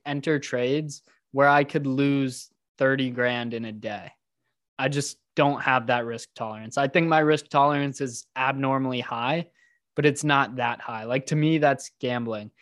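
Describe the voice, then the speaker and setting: A man's voice: mid-range voice, steady tone, unhurried, fairly bright tone, no echo. Easygoing young guy, dry close sound. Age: young adult. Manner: easygoing, hedging, "like"-filled. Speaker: podcast guest. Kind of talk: casual chat.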